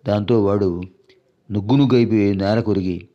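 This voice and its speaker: A man giving a devotional discourse, retelling a sacred epic in a measured, explanatory way with pauses. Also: on the low side, steady tone, lo-fi sound. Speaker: religious discourse speaker.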